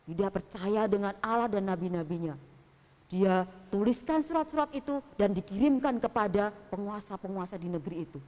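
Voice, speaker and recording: A woman Sunday school teacher telling a Bible story to children in an animated way, acting out sounds. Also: mid-range voice, a little fast. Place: church hall. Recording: long hall reverb.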